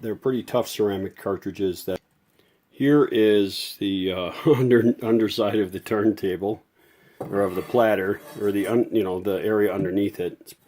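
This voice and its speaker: With a lowish, dark voice, fairly even intonation, and a moderate pace, a man gives an off-the-cuff, hands-on walkthrough in his radio restoration video. He explains things in a homespun, wandering way.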